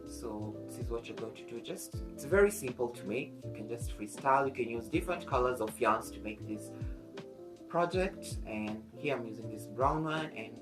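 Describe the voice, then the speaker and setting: A Kenyan DIY craft vlogger talks at normal speed in a medium-pitched, expressive voice. He gives a casual, easygoing tutorial full of explanation, with guitar music playing in the background.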